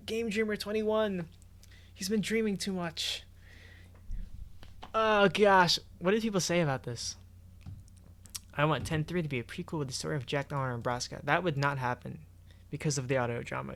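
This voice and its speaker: A game streamer reacts to forum posts over background music, chatting casually in slangy, informal language. His voice is high-pitched, creaky and fairly bright, and he talks at a moderate pace with frequent pauses.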